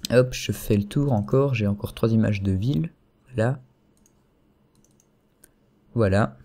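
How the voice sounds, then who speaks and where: With a fairly low voice and a measured pace, a young man talks through a software tutorial he's screen-recording at his computer. The tone is casual and chatty, though halting, full of fillers and self-corrections.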